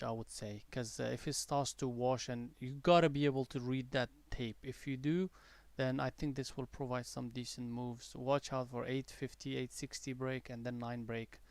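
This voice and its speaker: Gravelly man with a mixed accent. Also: medium pitch, dry recording. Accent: mixed accent, partly American-tinged English learned abroad, softened by years in the UK. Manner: chatty and rambling, with many fillers and restarts. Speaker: day-trading livestream host. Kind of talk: casual live trading commentary.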